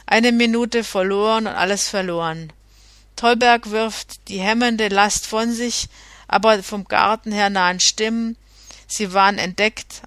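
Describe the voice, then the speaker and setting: A woman narrating a classic novel as an audiobook, steady with occasional self-corrections. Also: mid-range voice, no room sound. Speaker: audiobook reader.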